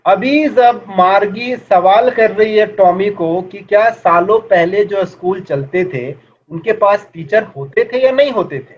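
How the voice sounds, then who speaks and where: Male teacher, high-pitched, muffled lo-fi recording; patient online lecture with questions to students. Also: a little hiss or hum. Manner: explains in Hindi, reads English lines slowly; asks students questions as if in class. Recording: dull lo-fi recording.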